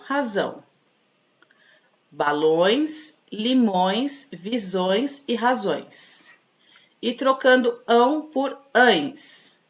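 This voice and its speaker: Slow-speaking teacher woman, lo-fi. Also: mid-range voice. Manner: slow, clear teacher talk with frequent checks like "tá?". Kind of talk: online grammar lesson.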